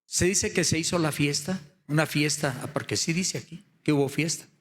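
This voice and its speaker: Male preacher, higher-pitched voice, storytelling sermon delivery with rhetorical questions, climbs into fervent raised passages. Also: moderate pace. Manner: storytelling, rhetorical questions, rising to loud impassioned emphasis.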